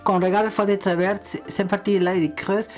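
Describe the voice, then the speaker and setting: A woman's voice: medium pitch, flat delivery, a little fast, darkish tone, faint music behind. Chatty woman with a non-native French accent. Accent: non-native speaker of French. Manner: chatty, addresses viewers fondly, gushing exclamations. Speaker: beauty vlogger. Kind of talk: casual makeup tutorial.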